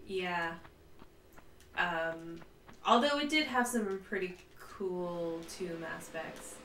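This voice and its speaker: A woman with a bright, forceful voice talks her way through a game, chatty and full of quick asides. She sounds like she is in a roomy home space, with a faint hiss under the recording. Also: fairly low pitch, animated, distant mic. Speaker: let's play player. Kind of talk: casual gameplay commentary. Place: home room with a cat.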